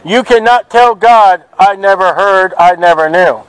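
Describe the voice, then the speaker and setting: A man preaching outdoors at a market, forceful and confrontational, quoting scripture to passers-by. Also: high-pitched, measured pace, clear, resonant tone, no room sound, low-quality recording. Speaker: street preacher. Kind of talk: open-air street preaching. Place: outdoors at a city market by traffic.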